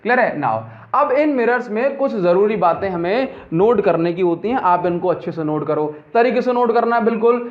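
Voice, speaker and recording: A man's voice: high voice, expressive, normal speed, few pauses. A man teaching a physics lesson, who keeps repeating key terms and asking his students whether they have understood. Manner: mixes in English terms, asks and answers his own questions. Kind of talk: classroom lecture. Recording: dull lo-fi audio.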